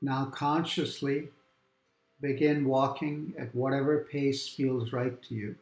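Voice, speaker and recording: A man guiding a calm grounding meditation exercise, giving gentle, unhurried instructions with long pauses between phrases. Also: medium pitch, reverberant, low-quality recording. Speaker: meditation guide. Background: quiet background music.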